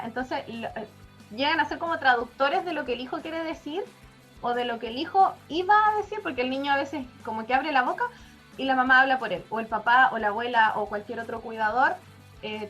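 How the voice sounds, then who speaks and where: A woman's voice: high voice, fairly quick, a bit bright, soft background music. A woman with a Chilean accent, a speech therapist giving parenting advice, checking in with her listeners as she explains. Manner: checks in with a frequent "¿ya?".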